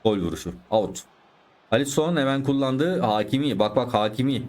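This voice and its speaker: A man's voice: medium pitch, lively intonation, moderate pace, a little mellow. A man giving chatty live commentary over his own football video game, talking to his viewers and exclaiming at the plays. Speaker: gaming YouTuber.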